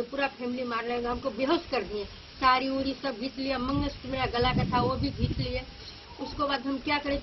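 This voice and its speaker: A middle-aged woman recounting an attack in an urgent, repetitive way during a street interview. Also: high voice. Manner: urgent, repetitive, plain village speech. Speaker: ward member giving her account. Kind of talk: emotional on-the-spot interview. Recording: dull lo-fi sound with loud outdoor noise.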